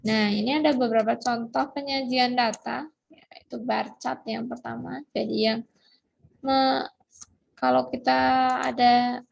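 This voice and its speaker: A woman's voice: on the high side, steady tone, measured pace, creaky, pauses often. A woman lecturer giving a recorded online lesson, explaining step by step with many fillers and restarts. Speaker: university lecturer.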